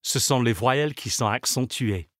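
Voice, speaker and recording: A man reading a scripted pronunciation lesson, pausing to say example words one by one. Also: mid-range voice, fairly bright tone, no room sound, clean studio sound. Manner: slow, measured, reads out example words one by one. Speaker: language lesson narrator. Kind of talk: scripted instructional narration.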